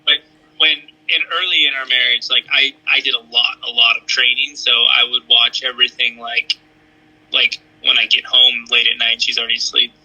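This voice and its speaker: A man on a podcast as a guest, joking and offhand, halting in his sentences. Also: medium pitch, little pitch movement, pushed and bright, poor audio. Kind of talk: casual podcast interview.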